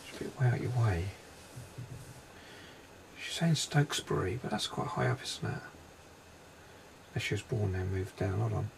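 Male psychic medium, low and gravelly, hesitant and halting delivery, faint noise in the background. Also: sing-song. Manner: hesitant, halting descriptions with many pauses. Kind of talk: paranormal investigation commentary. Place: inside a railway carriage.

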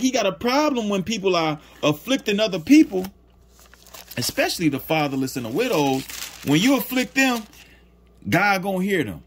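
A man leading a Bible study, reading scripture slowly and then explaining it in plain, informal preacher talk. He sometimes pauses to look for verses. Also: high voice. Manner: stops to search for verses, with fillers.

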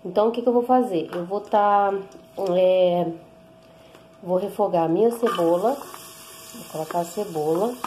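A Brazilian home cook vlogger with a lowish, dark voice explains a recipe step by step at her kitchen stove, speaking a little slowly and pausing often. She films one-handed on her phone, chats with a Brazilian Portuguese accent, and keeps checking in with viewers through frequent tag questions, with slight background noise.

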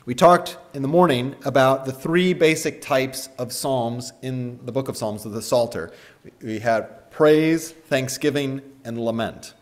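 Male preacher, casual conversational sermon, filler-heavy delivery, average pitch. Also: measured pace. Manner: conversational, chatty, many fillers. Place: church or chapel.

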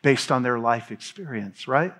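A man's voice: mid-range voice, moderate pace. A man in his thirties preaching a sermon from a church stage, reading scripture and gesturing as he speaks. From Tennessee. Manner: preaching with hand gestures, animated pacing, reads scripture aloud. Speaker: pastor.

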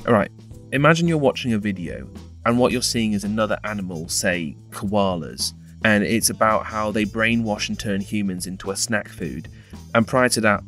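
A man's voice: on the low side, a bit bright. A young man narrating a scripted film review, with a sardonic, punning delivery. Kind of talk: scripted video-essay narration.

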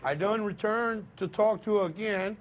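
High-voiced Louisiana man telling a story. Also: moderate pace. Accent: Southern US, Louisiana. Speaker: interviewee. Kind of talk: storytelling in an interview. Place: outdoors by a roadside. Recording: dull lo-fi sound with faint traffic.

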